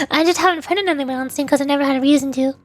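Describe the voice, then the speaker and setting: A young woman chats casually with her stream in a notably high voice, talking quickly and rambling between thoughts, laughing often and restarting sentences. She sounds close to a desk mic, with quiet game music behind her.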